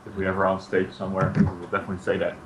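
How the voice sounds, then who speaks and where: A man, a game developer being interviewed, who speaks hesitantly with many pauses. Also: low-pitched, completely flat delivery, heavy background noise. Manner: hesitant, many uh fillers, cautious. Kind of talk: casual interview chat.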